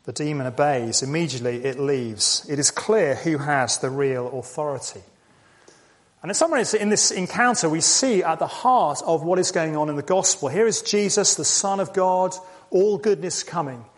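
A man delivers a sermon in an easy, conversational manner. His voice sits a little high, and he leans on rhetorical questions and repetition to drive his points home. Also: expressive, normal speed. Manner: conversational, rhetorical questions, repeats key lines. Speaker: preacher.

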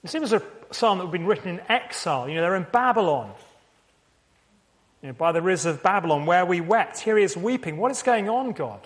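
Man preaching, low readings, raised questions. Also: animated, quick pace. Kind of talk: sermon with scripture reading. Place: church meeting.

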